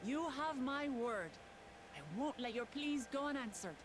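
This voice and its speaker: A woman's voice: high voice, measured pace, background noise. A woman voicing an earnest, humble young princess in a video game, sincere and plain-spoken. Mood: resolute. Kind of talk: video game cutscene acting. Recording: game music behind the voice.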